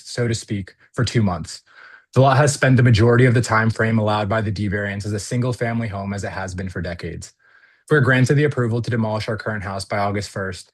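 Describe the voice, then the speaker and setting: Applicant, male, heard over a video call: low-pitched, earnest, reads from notes with halting fillers. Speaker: applicant at a zoning hearing. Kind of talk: reading a prepared statement.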